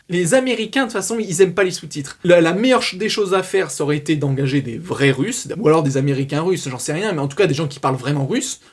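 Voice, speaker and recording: A man giving a casual spoken film review, exasperated and ranting, with many restarts and fillers. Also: fairly high pitch. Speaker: film critic.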